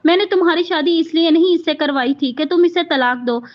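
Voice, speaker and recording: A woman's voice: extremely high pitch, steady tone, a little fast, dull audio. A woman voicing a stern, commanding older father in a read-aloud romance novel.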